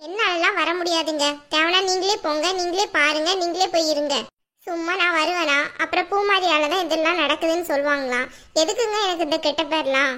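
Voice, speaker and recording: Woman acting a young wife in a family skit, super high bright voice, pleading and defensive. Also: brisk. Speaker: actor.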